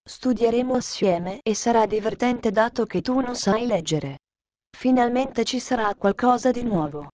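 A woman voicing a lonely twelve-year-old girl who chatters in a gentle, musing way. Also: medium pitch, close to an everyday voice.

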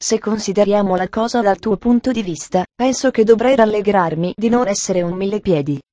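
A woman reading the part of a grumpy, bedridden older man in an audiobook, gruff and sarcastic. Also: medium pitch, brisk, mellow, no echo, close to an everyday voice.

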